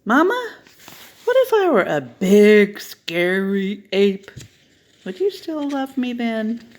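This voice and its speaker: A woman's voice: medium pitch, very animated, takes it slowly, voice pushed up. A woman reading a picture book as an eager, inquisitive small child pleading with a parent. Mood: eager, questioning. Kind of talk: picture-book read-aloud.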